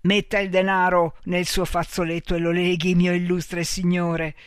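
A man voicing a boisterous old male army veteran who talks slowly and emphatically, with a confidential, wheedling manner. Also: high voice, level tone, clear, resonant tone, no room sound, studio quality, natural voice.

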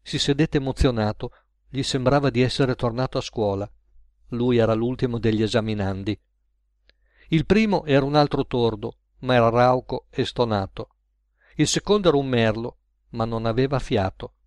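A man reading a comic tale aloud in a measured, wry way, at an ordinary pitch. The sound is very dry and close, with no room around it. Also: a little mellow, dry recording. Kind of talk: storybook narration.

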